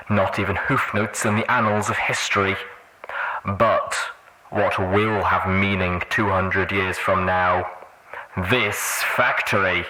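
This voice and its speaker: A man voicing a grandiose pony warlord, delivering a measured, rhetorical propaganda speech in an audio drama radio broadcast. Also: on the low side, bright, forceful tone, slight background noise, full character voice, low-quality recording. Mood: stirring, resolute. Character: Red Eye, grandiose male pony warlord orator.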